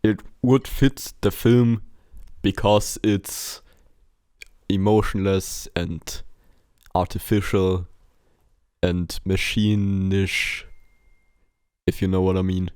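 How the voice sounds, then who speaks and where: Low-voiced, slow, dry-humored man. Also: fairly even intonation, darkish tone, clear, resonant tone, no room sound. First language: German. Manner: dry, hesitant, wry jokes. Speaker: podcast co-host. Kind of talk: casual film discussion.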